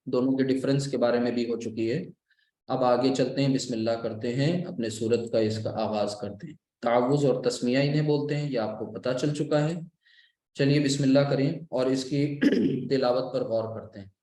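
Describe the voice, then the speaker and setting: A man's voice: medium pitch, a little mellow. Man lecturing in a roomy echo. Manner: patient explanatory teaching, repeats key terms. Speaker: Islamic course lecturer. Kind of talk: religious lecture on Quran recitation.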